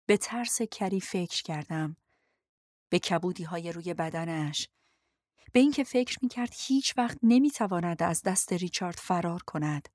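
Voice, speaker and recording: A woman narrating an audiobook in the first person, in a quiet, reflective reading. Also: fairly low pitch, dry recording, studio quality.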